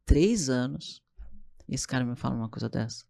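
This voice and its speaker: A middle-aged Brazilian woman, a guest entrepreneur, telling animated stories in an interview and acting out what people said. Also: rumbling low, brisk, vocal fry. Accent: Brazilian Portuguese. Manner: animated storyteller, acts out quoted dialogue. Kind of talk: storytelling in an interview.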